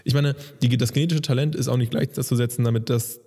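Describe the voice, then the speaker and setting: A man's voice: medium pitch, steady tone, quick pace, creaky, dark tone, breathy edge, in a large hall. A young man co-hosting a casual podcast, chatty and rambling, who keeps checking for agreement with tag questions. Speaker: podcast co-host.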